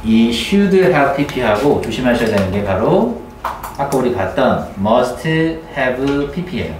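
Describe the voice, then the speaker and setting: A male teacher giving a grammar lecture to a class, often checking in with quick questions. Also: medium pitch, big pitch swings, noisy background. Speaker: English teacher. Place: classroom with students. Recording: roomy classroom, mic at a distance.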